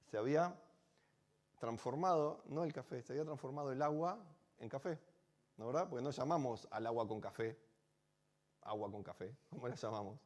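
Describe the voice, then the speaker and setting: A man's voice: mid-range voice, moderate pace, a little mellow. A man with a Rioplatense Spanish accent, a rabbi telling a story in a sermon, chatty and full of rhetorical questions. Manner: conversational, asks rhetorical questions.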